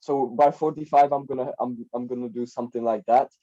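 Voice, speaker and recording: Talking fairly quickly in a warm, steady, mid-range voice, a young Czech man guests on a podcast as a life coach. His casual chat wanders, with repeated words and constant "like" and "right?" fillers. The audio is dull and lo-fi.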